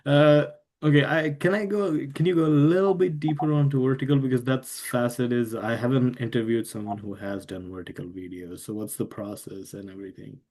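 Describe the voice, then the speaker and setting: A man hosting an interview who asks questions in a hesitant, halting way. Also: medium pitch, fairly even intonation, darkish tone. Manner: hesitant, halting phrasing with many "uh"s. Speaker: podcast host and interviewer.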